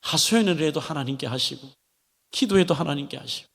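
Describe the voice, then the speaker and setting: A male pastor preaching a sermon in a church, delivering it in an animated way with dramatic turns. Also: fairly high pitch, brisk, vocal fry. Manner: animated preaching, acting out pleading voices of biblical figures. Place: church sanctuary. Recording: long hall reverb of a church.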